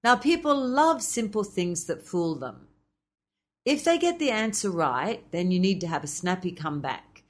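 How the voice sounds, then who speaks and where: A woman teaching presenting skills to MCs, speaking in a measured, explanatory way with playful asides. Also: mid-range voice, very animated. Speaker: MC trainer. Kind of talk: instructional talk.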